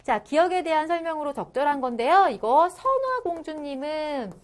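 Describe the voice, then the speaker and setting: A woman teacher giving an online lesson to middle schoolers, with a fairly high voice that rises and falls a lot. She explains each point step by step and keeps checking that the students are with her. She sounds encouraging toward them. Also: animated, moderate pace.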